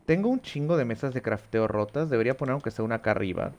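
This young adult streamer, who has a Mexican Spanish accent, talks through his gameplay with viewers from a small home room on a headset, thinking out loud and swearing mildly. He speaks in a mid-range, darkish voice, expressive and rapid-fire.

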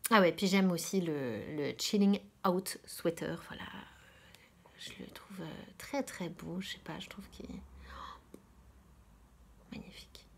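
A woman from France hosting a casual knitting podcast, talking hesitantly with many fillers, often dropping to a soft near-whisper and repeating her words of praise. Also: fairly low pitch, measured pace, vocal fry, pauses often, slightly rough. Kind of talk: casual chat about knitting.

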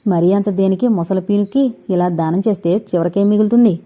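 A woman's voice: medium pitch, brisk, warm tone, natural voice. A woman voicing a spiteful, greedy woman with a snappish, insulting manner in a dull lo-fi recording.

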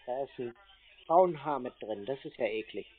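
On a muffled, narrow-band line with noticeable noise, a scambaiter takes a scam call. His mid-range voice is animated and moves at a normal speed as he chats casually, rambling and stalling in a nonchalant way.

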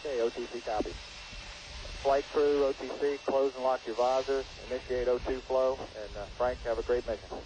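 A man's voice: medium pitch, fairly even intonation, brisk, a little mellow. Clipped man on a launch control radio loop. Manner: clipped, businesslike. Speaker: launch control team member. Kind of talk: procedural radio loop callouts. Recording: faintly noisy radio loop.

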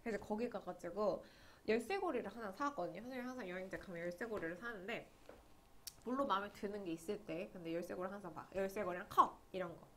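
A woman's voice: mid-range voice, fast talker, pushed and bright, a little hiss or hum. Casual online lesson, woman teacher, chatty, keeps asking if the class got it. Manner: chatty, asks students to confirm often. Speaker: English teacher. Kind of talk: online grammar lecture.

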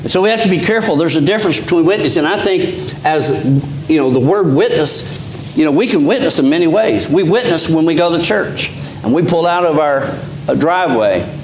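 In a small indoor church sanctuary, echoey and faintly humming, a middle-aged Appalachian Kentucky pastor preaches in a brisk, animated voice on the high side. He keeps it conversational, frequently restarting phrases and using fillers as he stands and gestures.

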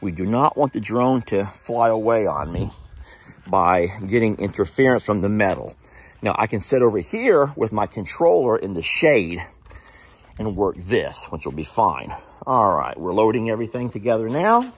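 A husky man in his 30s hosts a casual farm vlog outdoors on a rural property, filmed on a phone camera held at arm's length. His voice is lowish and his speed normal, with an animated, folksy delivery as he explains things to viewers and hollers to his kids.

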